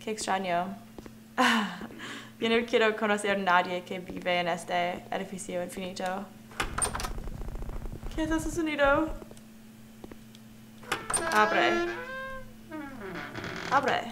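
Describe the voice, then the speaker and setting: Slow-talking young woman playing a game. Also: mid-range voice, noisy background. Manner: talks to objects in the game, nervous giggles. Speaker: gamer. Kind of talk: let's play commentary.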